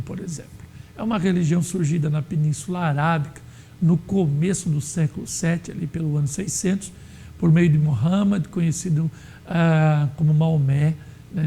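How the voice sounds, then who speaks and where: Gravelly, husky Brazilian Bible teacher. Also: male voice, on the high side, dark tone. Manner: measured, explanatory, with many fillers. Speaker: Sunday school teacher. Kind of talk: Bible lesson lecture.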